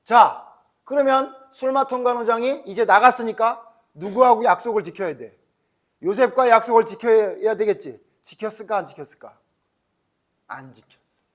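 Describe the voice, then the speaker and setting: A man's voice: high voice, normal speed, a bit bright. A man preaching a children's Sunday school sermon, talking casually and asking the children lots of questions. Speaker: pastor.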